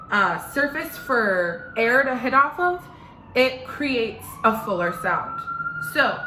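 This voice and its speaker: A woman's voice: on the high side, pushed and bright, reverberant, a little hiss or hum. A young woman with a slight lisp teaching an online singing lesson from her living room, giving step-by-step instructions.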